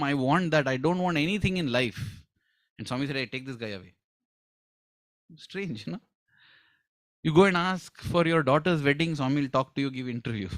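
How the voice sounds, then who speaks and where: A man delivers a devotional talk in a somewhat high voice, retelling a story and voicing each character's lines. The sound is close and dry, with no room around it. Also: fairly bright tone, no room sound. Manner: acts out quoted lines, chuckles, asks listeners "huh?". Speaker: spiritual speaker.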